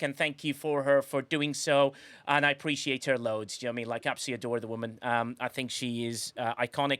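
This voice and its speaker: Man, podcast host, chatty, effusive, rambling, restarts a lot, dry close sound, middle pitch. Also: fairly bright tone, clean tone, no echo. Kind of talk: casual live-stream chat.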